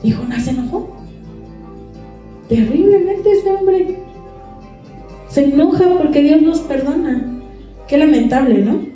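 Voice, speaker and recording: A woman preacher with a high but dark, mellow voice, delivering a sermon full of rhetorical questions to her listeners. She is picked up from far off in a very echoey church hall, with faint music behind her. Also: lively intonation, unhurried, pauses often. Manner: rhetorical questions, asks congregation for assent.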